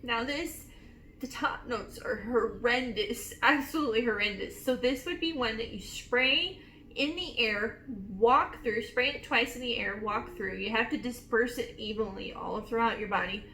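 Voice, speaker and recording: A woman in her twenties casually reviewing perfumes, gushing and emotional with drawn-out emphasis. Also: on the high side, bright, forceful tone. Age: 20s. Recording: echoey room with faint noise.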